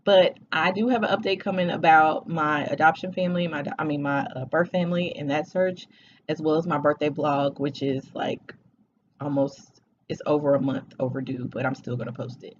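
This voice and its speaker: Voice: mid-range voice, steady tone, moderate pace, dull audio, a little hiss or hum. A vlogger in their forties chatting casually to camera, talking hesitantly with many fillers and restarts. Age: 40s.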